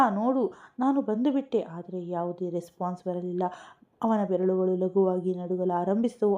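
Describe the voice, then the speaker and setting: A woman storyteller reading an emotional story in a soft, unhurried way. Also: medium pitch, highs cut off.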